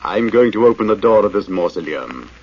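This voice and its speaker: An actor playing an unseen avenger in a 1940s radio drama, speaking as a calm, commanding, mysterious voice from the shadows. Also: male voice, lowish voice, breathy edge. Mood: stern, measured. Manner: calm, measured, commanding, probing. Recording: muffled, noisy old radio recording.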